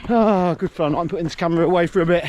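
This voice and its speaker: A man's voice: fairly high pitch, rapid-fire, noisy background. A man talking casually to camera while running a marathon outdoors, exerted and ruefully self-deprecating. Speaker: vlogger.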